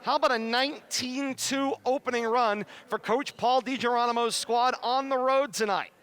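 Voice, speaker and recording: Bright, high-energy play-by-play man. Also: moderate pace. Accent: New England. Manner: rises sharply and loud on big plays. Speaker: play-by-play announcer. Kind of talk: basketball play-by-play commentary.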